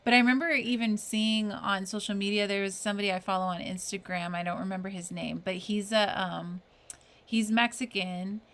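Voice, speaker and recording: A woman's voice: mid-range voice, steady tone, a little fast, a bit bright. A woman chatting on a podcast, rambling casually with lots of "like". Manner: chatty, rambling with many likes. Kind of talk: casual chat.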